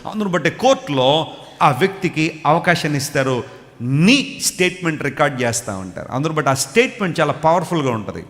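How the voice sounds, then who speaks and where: A man's voice: fairly high pitch, sing-song, fairly quick, a bit bright. A man preaching a sermon, telling stories and asking his listeners questions directly. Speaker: pastor. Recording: long hall reverb.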